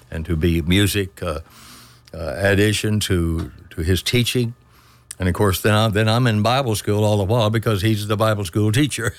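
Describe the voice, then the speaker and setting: An older man preaching on a church radio program, reading scripture in a folksy, halting way and correcting himself as he goes. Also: low voice.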